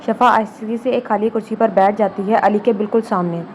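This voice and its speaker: A woman narrating a novel as an audiobook, in a calm, even storytelling manner. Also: medium pitch, a little hiss or hum. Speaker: novel reader.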